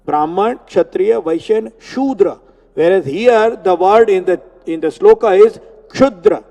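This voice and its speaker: A man giving a spiritual discourse on scripture, explaining Sanskrit words slowly and repeating terms. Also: high-pitched, gravelly, mellow. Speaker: Gita teacher. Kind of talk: religious discourse. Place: temple hall. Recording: long hall reverb.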